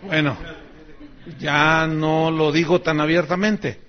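A middle-aged Mexican pastor preaches in a loose, joking manner and acts out the voices of people in his stories. His voice sits high for a man. The recording sounds dull and lo-fi. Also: steady tone, slow. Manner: chatty and joking, acting out quoted voices. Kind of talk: sermon with personal anecdotes.

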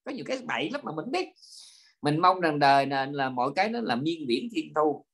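A man, a Buddhist monk giving an informal dharma talk, lively and full of fillers and repeated words. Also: a little high, fast talker. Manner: lively storytelling with frequent fillers and repetitions.

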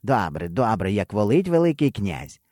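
A man's voice: on the low side, big pitch swings, normal speed, a little mellow, no echo, studio quality, pitched below the performer's own voice. A man voicing an obsequious male fortune-teller who speaks in a fawning, eager-to-please way.

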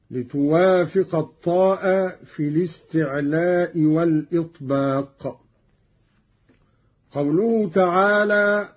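A middle-aged man with a husky voice explains recitation variants, slowly reciting each example, in an old radio lesson recording. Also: on the high side, highs cut off. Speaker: Quran recitation teacher.

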